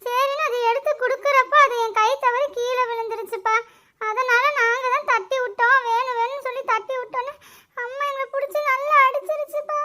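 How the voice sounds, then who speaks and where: A whiny, sulky cartoon girl, as a woman puts her on, with a squeaky, very high and bright voice. She talks quickly and pleads like a spoiled kid. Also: fairly even intonation. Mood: pleading. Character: sulky young girl, the daughter. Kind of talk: cartoon voice acting.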